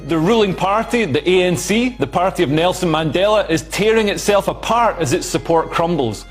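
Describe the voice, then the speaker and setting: A man's voice: sits high, lively intonation, fairly quick, faint music behind. A man reading dramatic, ominous scripted documentary narration.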